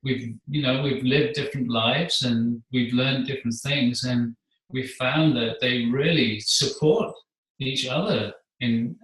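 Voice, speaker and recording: A man speaking as a guest, explaining his spiritual work in a measured, earnest way. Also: medium pitch, a bit bright. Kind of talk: calm explanatory conversation. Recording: echoey room, distant mic.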